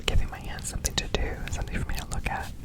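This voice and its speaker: Man whispering a breathy ASMR ramble. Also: very fast. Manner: repeats words over and over in rhythmic runs. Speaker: ASMR video host.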